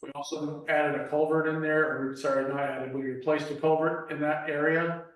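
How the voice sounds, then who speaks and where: A man giving a club treasurer's and trail report at a meeting, reading figures slowly with many fillers. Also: fairly high pitch, flat delivery. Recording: echoey room, mic far off.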